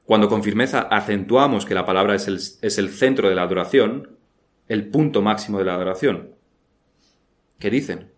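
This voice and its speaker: A man's voice: lowish voice, moderate pace. A man preaching a sermon in an earnest, firm way, asking many rhetorical questions.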